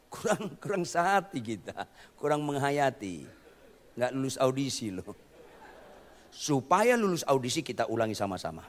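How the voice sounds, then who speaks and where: A man preaching a lively sermon, quizzing his congregation and tossing in jokey asides, in a church hall. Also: medium pitch, slight background noise. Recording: long reverb of a church hall.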